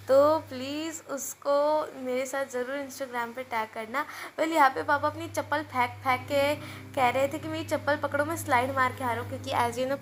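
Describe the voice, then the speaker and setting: A young woman from India, narrating her vlog in a chatty, excitable way. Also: high-pitched, slight background noise. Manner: chatty, mixes Hindi and English, excitable. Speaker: vlogger. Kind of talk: casual vlog voice-over.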